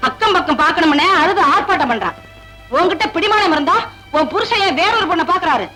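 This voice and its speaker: A woman's voice: very high-pitched, expressive, quick pace, sharp tone, full character voice, poor audio. An actress playing a harsh, scheming middle-aged mother who scolds her daughter-in-law. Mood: scolding. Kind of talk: 1980s Tamil film acting. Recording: film soundtrack with music behind.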